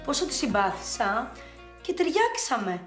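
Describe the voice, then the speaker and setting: A woman's voice: fairly high pitch, big pitch swings, music in the background. An actress playing a chatty young woman who coaxes, soothes and placates the people around her in a TV series. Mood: placating. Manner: brisk, coaxing, soothing. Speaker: lead character, niece. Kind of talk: TV series acting. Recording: echoey room.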